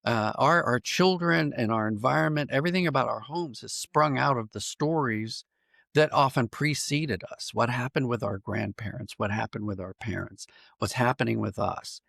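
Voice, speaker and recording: In a reflective interview, a Pennsylvania man who writes and produces audio dramas talks as a podcast guest, explaining his ideas thoughtfully and sometimes repeating phrases to work out a point. His American voice is mid-range with vocal fry and a fairly bright tone, delivered at a moderate pace. The recording is dry and of studio quality.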